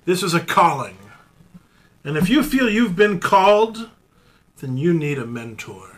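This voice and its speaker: A man's voice: high voice, very animated, measured pace. A man playing a pompous middle-aged theater veteran who lectures grandly in an improvised comedy scene. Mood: grandiose.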